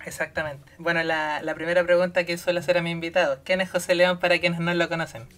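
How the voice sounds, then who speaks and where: Bright-voiced woman interviewer. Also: on the low side, level tone, fast. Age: 30s. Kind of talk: casual interview hosting.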